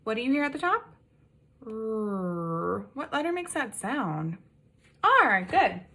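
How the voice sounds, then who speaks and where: A woman's voice: high-pitched, sing-song, bright, forceful tone. A woman teaching a phonics lesson to kindergarten children, patiently prompting them with questions. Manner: slow, sing-song, patient prompting with questions.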